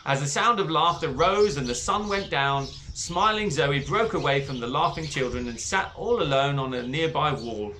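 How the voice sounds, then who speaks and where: A man reads a children's story aloud in a lively, expressive way. His voice sits high and bright, and it rises and falls a great deal. There is a faint hiss behind him. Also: normal speed, hardly any pauses. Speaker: book club reader. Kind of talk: reading a children's book aloud.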